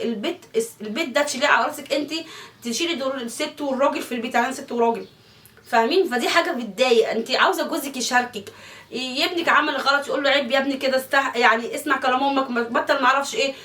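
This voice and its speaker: An Egyptian woman in her thirties speaks to her viewers at a headlong pace, in a fairly high voice. She stresses each point by repeating it and keeps checking that they follow her. She sits a little back from the mic. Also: fairly bright tone, far from the mic. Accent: Egyptian Arabic. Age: 30s. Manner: rapid, repetitive, emphatic, keeps asking viewers if they follow. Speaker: vlogger. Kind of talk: casual confessional chat to viewers.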